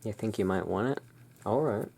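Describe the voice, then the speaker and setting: A soft-spoken ASMR performer plays the laid-back owner of a gothic curiosity shop, speaking in a soothing, unhurried way. The voice is mid-range and husky, with vocal fry.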